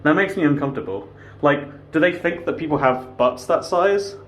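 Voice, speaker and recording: An Englishman walks through city streets and stations, filming a casual travel vlog on his phone and tossing wry, joking asides to the camera. His voice is fairly high with lively intonation and a normal speed. Street noise comes through the phone recording.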